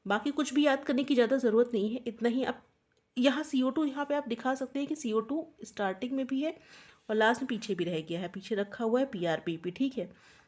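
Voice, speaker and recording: Woman, biotech lecturer, fairly high-pitched, step-by-step exam coaching, checks in often. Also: fairly quick, darkish tone. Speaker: biotechnology teacher. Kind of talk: exam-prep lecture with mnemonics.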